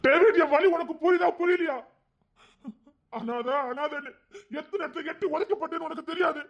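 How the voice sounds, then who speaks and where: A man doing a soft, pleading gang king. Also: high-pitched, brisk. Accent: Tirunelveli Tamil. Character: gang king longing for family, pleading and tender. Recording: dull lo-fi recording.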